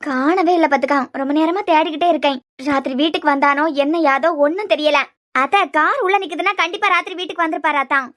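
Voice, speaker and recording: A woman voicing a bossy, suspicious cartoon grandmother with a Kanyakumari Tamil accent, scolding in rapid questions. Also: sits high, fairly bright tone. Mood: questioning. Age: older.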